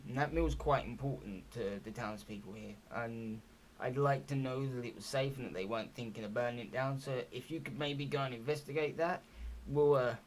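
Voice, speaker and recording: A man voicing a tall, brisk official who hands out a job to adventurers. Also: medium pitch, slight background noise, natural voice. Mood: businesslike.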